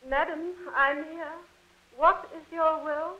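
An actress playing a timid, stage-frightened young woman in an old radio drama, speaking in a soft, breathy, pleading way. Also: sits high, fairly even intonation, slow pace, reverberant, noisy background. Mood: rapt. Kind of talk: 1940s radio acting. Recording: muffled old radio recording with faint music.

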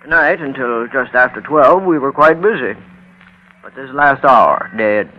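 An actor playing a mild, absent-minded druggist in a 1930s-style radio drama, hesitant and repeating himself. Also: male voice, medium pitch, lively intonation, a little slow, close to an everyday voice. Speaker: drugstore owner. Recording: muffled phone-like old radio recording.

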